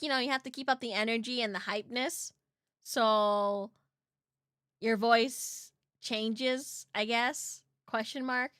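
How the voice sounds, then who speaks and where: Casting: woman, thirties, cute anime streamer sound, high-pitched and bright, casual rambling self-teasing chat. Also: clean tone, no echo, clean studio sound. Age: 30s.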